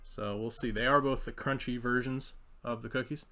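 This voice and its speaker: Brief: male co-host, bright, crisp tone, casual and hesitant, home kitchen. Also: mid-range voice, fairly even intonation. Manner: halting, with many pauses and fillers. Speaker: co-host of a food review channel. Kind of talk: casual taste-test chat.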